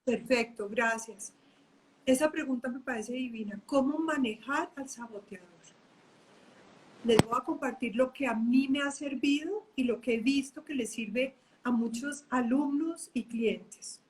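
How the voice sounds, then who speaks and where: A woman coach talking in a live online chat, her voice pitched a little high. She speaks warmly and with energy, and she often quotes inner voices as she goes. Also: unhurried, a little hiss or hum. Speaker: life coach.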